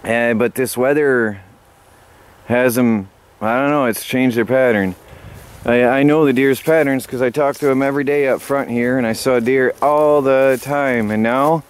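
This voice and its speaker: A man's voice: mid-range voice, steady tone, a little slow, smooth. A man out of breath, talking casually to a handheld camera outdoors on his homestead, rambling with many fillers. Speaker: homestead vlogger. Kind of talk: casual vlog chat. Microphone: handheld camera mic.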